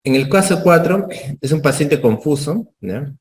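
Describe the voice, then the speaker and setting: A man teaches medicine in a voice on the high side, expressive and a little slow, with a slight hiss or hum in the recording. He builds explanations step by step, uses tag questions at phrase ends, and acts out short scenes with patients.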